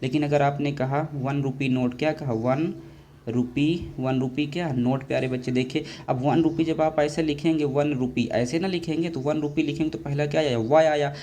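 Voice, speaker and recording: A man gives an exam grammar lesson in a mellow voice that is on the high side, with fairly even intonation and a little hiss or hum in the background. He calls his students dear children, answers the questions he keeps asking, and draws out English words slowly.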